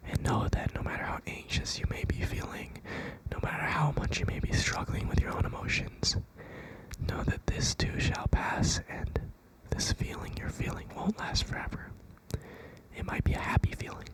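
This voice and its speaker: A young adult whispering a gentle, reassuring pep talk of ASMR affirmations in an unhurried way. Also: poor audio. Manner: whispering throughout. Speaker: ASMR creator.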